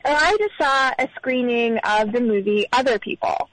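A woman's voice: a little high, normal speed, fairly bright tone, dry recording. A woman calling in on a phone line from a car, chatting in an upbeat way. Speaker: caller. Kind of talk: casual chat.

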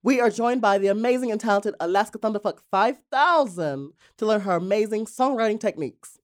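A man's voice: sits high, lively intonation, brisk. A man co-hosting a podcast, chatting casually with sassy, slangy comic banter. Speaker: podcast co-host. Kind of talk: casual comedic chat.

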